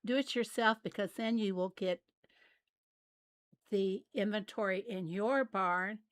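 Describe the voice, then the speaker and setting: A game livestreamer with a raspy, mid-range voice chats casually with viewers while playing a farming game, recorded with no room sound. Unhurried and chatty, she reads out viewer messages and answers them.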